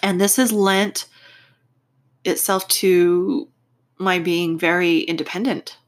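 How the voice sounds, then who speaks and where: Slow-talking, nasal woman podcaster. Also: on the low side, fairly even intonation. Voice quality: nasal, congested. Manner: unhurried, deliberate phrasing with pauses. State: stuffed-up nose. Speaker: podcast host. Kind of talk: personal reflective monologue podcast.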